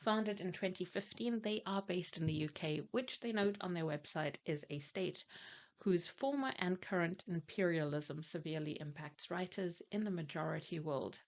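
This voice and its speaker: Her voice is on the low side and a little mellow, moving at a moderate pace. This middle-aged woman, who grew up across Malawi, Nigeria and Germany, lays out her reading plans for her book channel, reading blurbs evenly between chatty, filler-laden asides.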